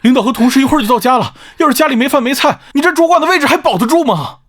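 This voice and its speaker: A man's voice: very high voice, expressive, rapid-fire, a bit bright. An actor playing a spineless, self-serving young husband who sides with his wife, urgent and whiny, in a melodramatic short drama. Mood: anxious calming.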